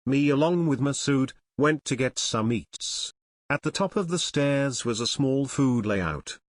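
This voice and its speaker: A man reading his own first-person memoir in a wry, deadpan storytelling manner. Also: medium pitch, no echo, studio quality. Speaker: narrator.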